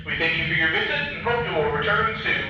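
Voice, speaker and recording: A man speaks over an intercom in a measured, formal voice. His voice echoes heavily and comes from far off through muffled loudspeakers. There is clear noise behind it. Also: fairly high pitch, animated. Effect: over a public-address intercom. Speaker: announcer. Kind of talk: formal closing-time announcement. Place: exhibition hall, heard over loudspeakers.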